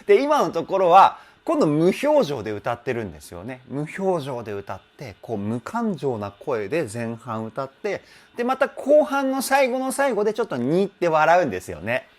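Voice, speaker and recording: A man's voice: a little high, huge pitch swings, moderate pace, hardly any pauses. A man working as a vocal trainer, talking casually as he analyses a singer's technique, laughing often and humming bits of the melody. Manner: chatty, self-deprecating, laughs often, hums and imitates sung phrases.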